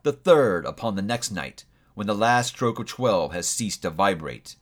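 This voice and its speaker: A man's voice: fairly low pitch, expressive. A man voicing a mournful old ghost in chains. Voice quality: slow, heavy, mournful delivery. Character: doomed old male ghost, solemn and grieving.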